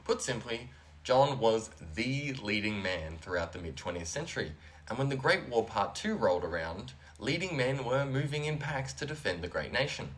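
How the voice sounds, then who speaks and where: This is a man hosting his own comedy show, working through a scripted monologue. His delivery is dry and sardonic, and the jokes come out deadpan. His voice sits in an ordinary middle pitch. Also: moderate pace. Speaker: host.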